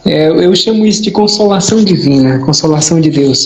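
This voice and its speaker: A man interviews a guest in a gentle, reflective way and affirms what he hears. His voice is a bit high. The recording is roomy and echoey. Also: expressive, fairly quick. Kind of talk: conversational interview.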